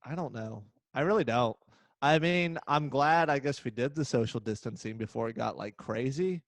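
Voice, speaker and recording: Male host, mid-pitched voice, sardonic and profane, casual video-call chat with a dry sound. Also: moderate pace, no room sound. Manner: sarcastic, swears a lot. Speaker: podcast host.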